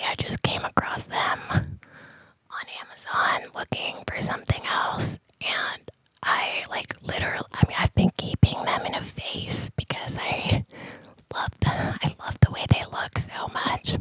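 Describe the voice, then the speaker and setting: A woman speaks in a soft, breathy whisper, very close to the mic, as an ASMR host. Her delivery is slow and unhurried. She rambles gently, hesitating and trailing off before circling back. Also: poor audio. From San Francisco Bay Area, United States. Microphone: close ear-to-ear ASMR microphone.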